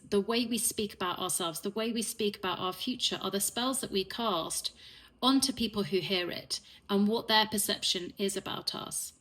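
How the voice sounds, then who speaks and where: A woman's voice: medium pitch, a bit bright, poor audio. A woman in her fifties hosting a reflective podcast monologue as a coach, earnest, who repeats phrases and restarts lines. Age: 50s.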